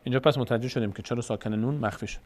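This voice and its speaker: A man with a Tajik accent teaching a step-by-step Quran recitation lesson, explaining each rule and then chanting the example words slowly and drawn out. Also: mid-range voice, a little mellow.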